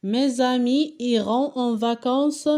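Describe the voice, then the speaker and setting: Very slow Moroccan woman teacher. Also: fairly high pitch, dark tone. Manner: spells and explains answers step by step, asks questions then answers them. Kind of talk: slow explanatory lesson correcting a worksheet.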